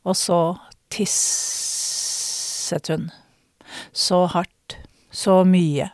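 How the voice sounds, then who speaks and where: A middle-aged woman from Norway, a storyteller telling a personal episode and an old tale in a measured, reflective way. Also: lowish voice, darkish tone, dry recording, studio quality. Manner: measured, reflective, with drawn-out dramatic words. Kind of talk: spoken storytelling performance.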